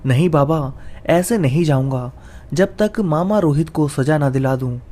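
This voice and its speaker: A man's voice: a little high, a little slow, mellow. A man voicing the sad, stubborn ghost of a dead boy who has taken over a child, in a read-aloud horror story. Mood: defiant.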